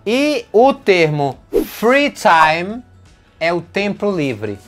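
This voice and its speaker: Man teaching, slow deliberate drills. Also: high-pitched, big pitch swings, faint music behind. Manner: slow deliberate English models, brisk explanations. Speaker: English teacher. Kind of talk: language lesson.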